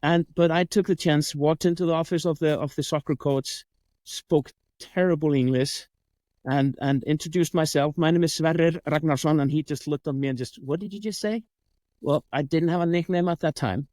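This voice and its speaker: A man's voice: fairly high pitch, normal speed, a little mellow, dry recording. A man from Iceland with an Icelandic accent, a coach and sales trainer telling his story as an interview guest, acting out the dialogue as he goes.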